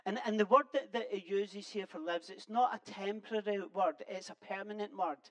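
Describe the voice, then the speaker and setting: Preacher, sermon, conversational and earnest, halting delivery with frequent restarts. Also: medium pitch, rough recording.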